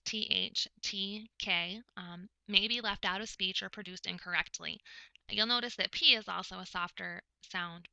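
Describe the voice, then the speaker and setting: A woman giving a recorded lecture, explaining topics step by step in a measured way with frequent pauses. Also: medium pitch, creaky, pushed and bright, smooth, dry recording, low-quality recording. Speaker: presenter explaining speech of the hard of hearing.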